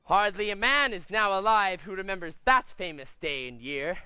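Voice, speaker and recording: A man voicing a jolly storyteller who gathers children in a cartoon, animated and sing-song. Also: high voice, moderate pace, smooth, dry recording. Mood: lively.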